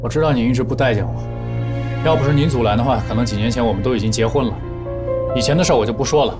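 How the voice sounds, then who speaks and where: An actor playing a persistent young ex-boyfriend who pleads in a TV drama. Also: male voice, mid-range voice, rapid-fire, music in the background, lightly acted. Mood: pleading. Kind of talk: TV drama acting.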